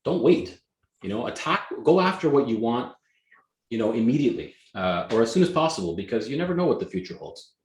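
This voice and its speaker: In an echoey room, a real estate team leader who was born in Canada and first spoke Greek gives a casual interview as a guest. He speaks briskly and emphatically with plenty of energy, his medium-pitched voice making big pitch swings.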